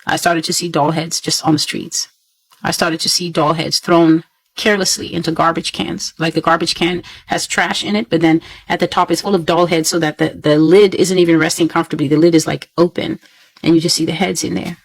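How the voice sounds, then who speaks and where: Woman telling her prophetic dream, gravelly and kinda monotone, dry close sound. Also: deep voice, no echo, low-quality recording. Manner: earnest, repetitive storytelling.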